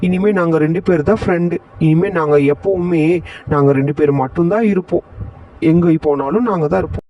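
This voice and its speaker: A rude, bossy schoolboy puppet, as a man puts him on, with quick and dismissive delivery. His voice sits fairly high, and the recording is a little dull. He sounds like a child shutting someone out of the game. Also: no echo, lightly acted. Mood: scornful.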